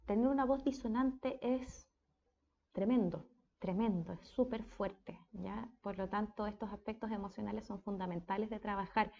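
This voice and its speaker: A woman's voice: mid-range voice, steady tone, moderate pace, gravelly, mellow, muffled recording. A woman with a Chilean accent giving a casual speech therapy lecture, often checking in with her students. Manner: conversational, checks in with frequent "¿ya?".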